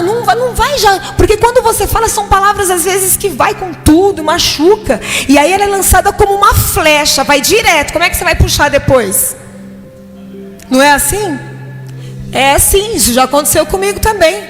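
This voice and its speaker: A woman with a Brazilian Portuguese accent preaching a sermon in a conversational way, often checking in with the congregation. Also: sits high. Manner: conversational preaching, frequent "né?" tag questions to the congregation. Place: church hall. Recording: long hall reverb with faint music.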